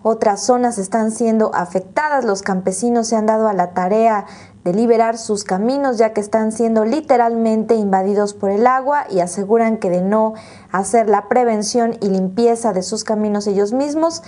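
A woman's voice: on the high side, moderate pace, dark tone. A woman in her thirties with a Mexican accent, presenting news in a television studio. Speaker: news anchor.

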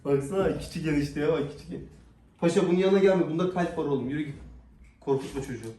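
At home with his dogs, a man vlogs, coaxing them with affectionate commands while chatting casually to viewers. His voice is fairly high, mellow and quick, and the mic is distant, giving an echoey, off-mic sound with background noise.

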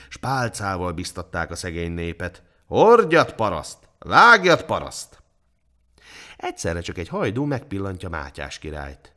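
Brief: male storyteller reading a folk tale to children, low and expressive. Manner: old-fashioned folk-tale telling, addresses the children. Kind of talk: scripted storybook narration.

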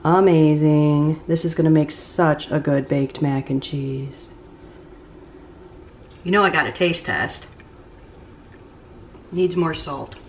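A woman's voice: low-pitched, slow pace, pauses often, darkish tone, far from the mic, a little hiss or hum. Chatty woman cooking in an echoey kitchen. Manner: chatty, talks while cooking and moving around. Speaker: cooking vlogger. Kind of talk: casual cooking vlog. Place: small home kitchen. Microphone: camera mic, distance varies as she moves. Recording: roomy kitchen echo, off-mic at times.

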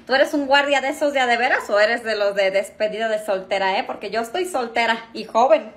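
A woman's voice: fairly high pitch, a little fast, voice pushed down, natural voice. Woman doing a cheeky tipsy grandma. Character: tipsy grandmother who flirts shamelessly.

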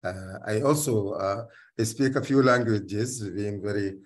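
In a casual discussion, a man who is a doctor and community leader speaks hesitantly, restarting often. His first language is Arabic, and his voice is fairly low and unhurried.

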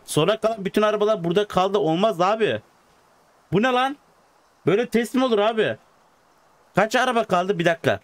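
A young man giving casual gameplay commentary as a YouTuber, swinging between loud excited outbursts and low muttering. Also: a little fast, long pauses. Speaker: gaming YouTuber. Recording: clear background noise. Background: game car sounds.

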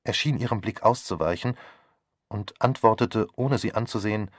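A man narrating an audiobook in a steady, even reading voice. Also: on the low side, normal speed, no room sound, clean studio sound. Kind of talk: scripted narration.

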